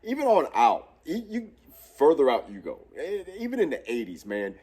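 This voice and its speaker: Hosting a truck build series, a man in his thirties gives a casual tutorial in a big fabrication shop, rambling and correcting himself often while a tripod camera records from mid distance. He has a cold, so he sounds stuffy, congested and nasal. His voice is a little high with wildly swooping pitch, a moderate pace, a darkish tone and a breathy edge.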